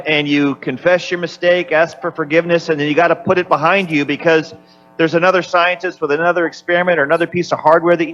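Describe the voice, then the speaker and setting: A man's voice: a little high, a bit bright. A man answering questions as an astronaut over a radio downlink, unscripted and searching for his words. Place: aboard a space station. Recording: slightly dull downlink with faint hum.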